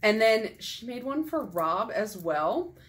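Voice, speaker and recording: A woman's voice: fairly high pitch, very animated, slow. A young woman talks through a casual haul vlog in a chatty, self-deprecating way, laughing often. She is tired and her voice is going. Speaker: nail polish YouTuber.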